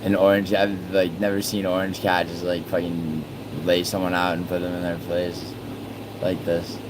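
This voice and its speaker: A man's voice: low-pitched, monotone, moderate pace, noisy background. A man hosting a casual livestream, chatting with viewers and swearing often as he rambles and trails off mid-sentence. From born in Italy, raised in New York. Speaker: livestream host. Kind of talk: casual livestream chat, reading viewer messages.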